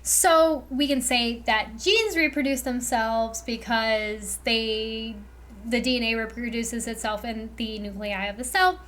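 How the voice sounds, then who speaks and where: A woman's voice: a little high, fairly even intonation, unhurried, a bit bright. A woman giving a casual lecture on a livestream, chatty and loose, full of "like" and "you know". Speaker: streamer explaining memetics.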